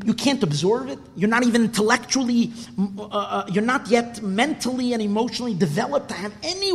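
A man giving an unscripted lecture as a rabbi, emphatic, repeating phrases and answering his own questions. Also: high-pitched. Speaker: rabbi teaching a Torah class. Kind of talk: religious lecture, teaching unscripted. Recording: reverberant hall.

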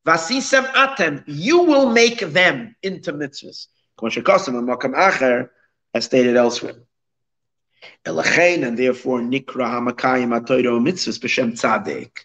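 A man's voice: medium pitch, moderate pace, fairly bright tone, poor audio. A man giving an explanatory religious lecture as a teacher, reading phrases and translating them, with emphatic repetition and rhetorical questions.

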